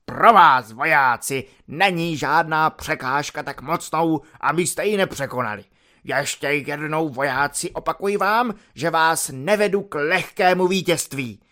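A man voicing a pompous, half-drunk young army lieutenant who shouts grand speeches at his troops in a storybook reading. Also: a little high. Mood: grandiose ranting.

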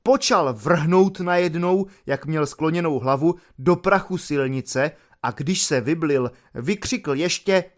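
A man narrating a novel as an audiobook in a lively, expressive storytelling manner. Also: fairly high pitch, few pauses.

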